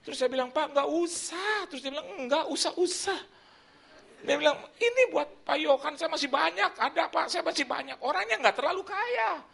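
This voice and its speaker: Male preacher, middle-aged, high and gravelly, bright edge; animated sermon storytelling, acts out the voices. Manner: animated storytelling, acts out quoted voices, swings loud and soft. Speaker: pastor. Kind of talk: sermon with personal testimony. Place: church hall.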